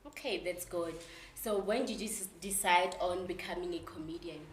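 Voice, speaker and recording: A woman's voice: on the low side, moderate pace. A young woman with a South African accent, asking questions as the host of a casual interview show. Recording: echoey room with faint background noise.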